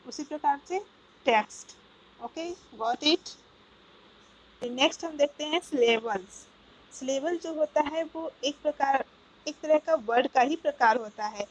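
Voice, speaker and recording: A woman's voice: high-pitched, measured pace, low-quality recording. A woman teaching a grammar lesson, explaining step by step and often checking with "okay, got it?". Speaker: English teacher.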